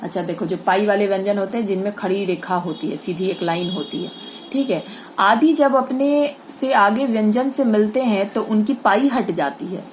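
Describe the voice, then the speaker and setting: A woman's voice: medium pitch, moderate pace, slight background noise. Woman teacher explaining grammar patiently. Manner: explains step by step, often asks and answers her own questions. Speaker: Hindi teacher. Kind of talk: classroom grammar lesson.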